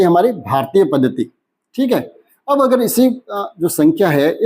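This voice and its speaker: A man teaching a maths lesson in who keeps asking questions and answering them himself, slowing down when he reads out numbers. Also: on the high side, dark tone, husky. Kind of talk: classroom lesson explanation.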